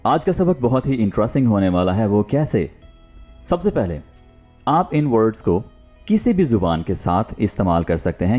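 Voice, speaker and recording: Male English tutor, lively up-and-down delivery, mellow tone, repeats drill words with exaggerated stress, faint music behind. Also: mid-range voice. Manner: repeats example words for the listener to copy, with exaggerated intonation. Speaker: English teacher. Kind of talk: online language lesson.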